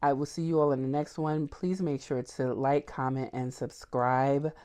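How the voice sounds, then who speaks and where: A woman's voice: rumbling low, fairly even intonation, normal speed, dark tone. A woman book vlogger chatting casually and candidly about what she read, with frequent ums. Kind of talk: casual book wrap-up chat.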